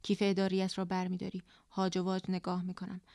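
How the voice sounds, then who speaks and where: A woman reading first-person literary narration in a subdued, quiet, introspective way. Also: fairly low pitch, monotone, no room sound, clean studio sound. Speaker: audiobook narrator.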